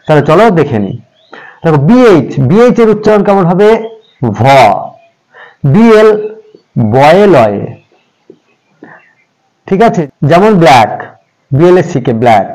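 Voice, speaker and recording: Male tutor, fairly high voice with very animated pitch, patient and repetitive delivery for beginners. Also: poor audio. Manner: patient, addresses viewers as friends, repeats examples slowly. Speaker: English teacher. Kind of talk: pronunciation lesson for beginners.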